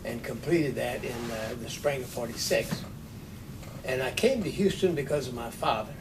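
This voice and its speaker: Man in his nineties, oral history interviewee, unhurried with dry wit, distant mic with low rumble. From Texas. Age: 90s. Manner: unhurried storytelling with dry humor. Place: office with large windows.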